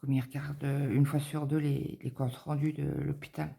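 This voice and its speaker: A woman's voice: a bass voice, little pitch movement, moderate pace, creaky, dark tone, husky. A middle-aged woman chatting casually and anxiously, rambling with many fillers and repetitions. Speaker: cross-stitch vlogger.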